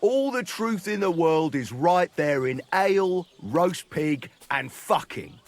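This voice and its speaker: A man's voice: a little high, expressive, slow. An actor playing a crude, boozy male troubadour in a video game, boisterous and mocking. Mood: rowdy. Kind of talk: video game cutscene acting.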